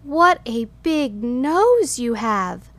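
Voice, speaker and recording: A woman's voice: a little high, sing-song, very slow, fairly bright tone, voice pushed up, full character voice. A woman doing a wide-eyed little storybook girl. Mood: wondering.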